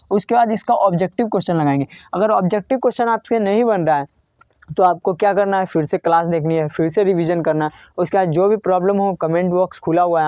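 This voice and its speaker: With a mellow, fairly low voice, a woman runs a grammar drill, asking questions and supplying the answers again and again. The recording is dull, dry and lo-fi, lacking any room sound.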